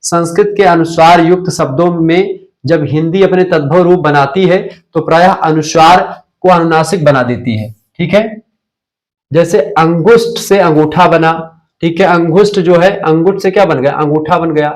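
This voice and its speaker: Male tutor, slightly high voice, runs a quick drilling revision class online. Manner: drilling, asks questions then answers them himself. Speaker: teacher.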